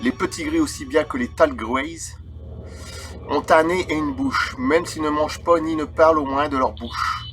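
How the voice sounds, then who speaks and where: This video channel host, a man in his 30s, has a fairly high, slightly bright voice and a moderate pace. He reads from a book and keeps wandering into informal, digressive tangents while eerie movie music runs underneath.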